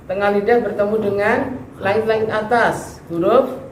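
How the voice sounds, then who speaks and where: A man's voice: sits high, steady tone, moderate pace. A man teaching a Quran recitation class, patiently explaining letter articulation, asking students questions and demonstrating sounds. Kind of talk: tahsin lesson on letter articulation. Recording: echoey room, background noise.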